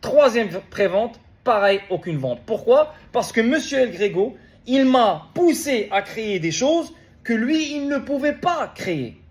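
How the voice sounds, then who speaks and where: A man's voice: extremely high pitch, very animated, unhurried. A man speaking to his followers in a heated, rambling monologue, swearing and repeating himself. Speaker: crypto project founder.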